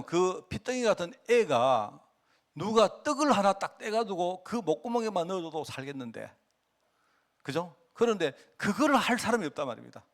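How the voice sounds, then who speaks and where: A slightly high-voiced man, a pastor with a Gyeongsang accent, preaches in an informal, animated style and dramatizes exchanges with the people he talks about.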